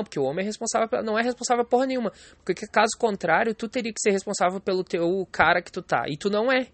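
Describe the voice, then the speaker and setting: A man talks in a high, light voice, rambling bluntly and swearing freely as he vlogs. The sound is dry and close, with no room around it. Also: no room sound. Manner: blunt, profane, rambling, fillers like "entendeu?". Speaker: vlogger. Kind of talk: casual monologue.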